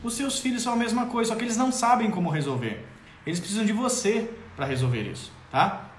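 A man delivers a theatrical parenting talk and speaks straight to the mothers listening. His voice sits high and leaps around animatedly. The sound is roomy, with clear echo. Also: quick pace, slight background noise. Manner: expressive, theatrical, direct address to mothers. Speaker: parenting educator.

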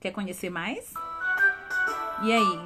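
A woman telling a children's story, animated and asking her listeners questions directly. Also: mid-range voice, slow pace, faint music behind.

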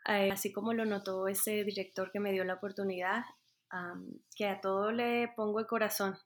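A music teacher from Colombia's Caribbean coast gives casual answers as an interview guest. She is earnest and halting, with many fillers and restarts, and her medium-pitched voice has a fairly bright tone.

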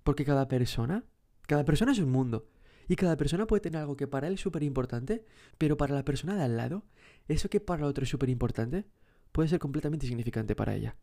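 A man's voice: medium pitch, lively intonation, quick pace, gravelly, dark tone. A man hosting a motivational self-help podcast, speaking straight to the listener with many rhetorical questions and repeated words for emphasis. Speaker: podcast host.

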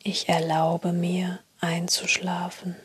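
Very breathy woman in a soft spa whisper. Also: on the low side, monotone, slow, no echo. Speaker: guided meditation narrator.

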